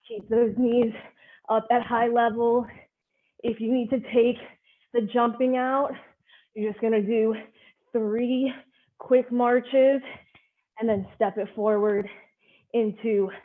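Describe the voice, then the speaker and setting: Casting: female online HIIT coach with a higher-than-average voice, instructing in brief directive cues and counts, heard through narrow, phone-quality audio. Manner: directive, short clipped cues. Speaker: fitness instructor leading a live online HIIT class. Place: live online video class.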